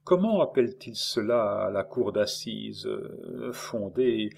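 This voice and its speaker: A man voicing a timid, honest, slow-witted middle-aged man who speaks quietly and hesitantly, in an audiobook reading. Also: lowish voice, expressive, creaky, a little hiss or hum, heavily acted.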